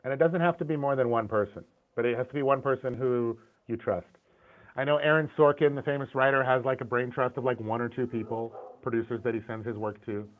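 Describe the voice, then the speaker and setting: A middle-aged guest, a concept art and animation director of Syrian origin who grew up in the US, talks candidly and animatedly in a casual interview, often restarting mid-sentence and repeating words. He speaks fairly quickly at an ordinary pitch, and the sound is thin and tinny, like a video call over a phone line.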